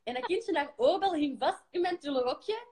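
High-voiced Flemish woman telling anecdotes. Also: normal speed. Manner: lively, self-mocking anecdotes. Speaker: pop group member hosting a live stream. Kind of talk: casual chat. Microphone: phone on a live stream.

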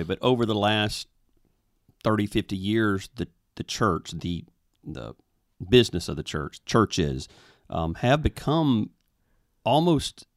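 Gravelly low-voiced man, careful words. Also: no echo, clean studio sound. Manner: careful, hesitant, measured phrasing. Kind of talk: reflective casual conversation.

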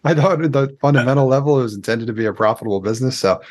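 A man's voice: medium pitch, very fast, a little mellow. A man hosting a podcast interview, asking questions in a loose, conversational way. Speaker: podcast host. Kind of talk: casual interview talk.

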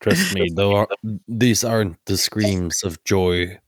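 A man's voice: lowish voice, slow, no echo. A man playing a tabletop game, speaking in character with dry, ominous warnings. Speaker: player.

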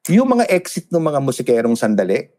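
Animated man telling backstage stories. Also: mid-range voice, brisk. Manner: animated storytelling, switching between Tagalog and English. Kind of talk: casual chat.

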